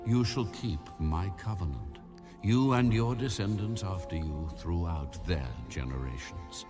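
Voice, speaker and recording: A man playing a solemn, commanding God in a dramatized audio Bible, speaking slowly and with authority. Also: sits low. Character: Almighty God, solemn, commanding ancient male deity. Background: background music.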